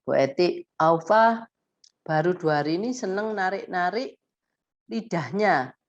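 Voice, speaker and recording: A woman therapist giving gentle advice to parents in a live question-and-answer session, thinking aloud as she goes. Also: on the low side, lively intonation, measured pace, dull audio.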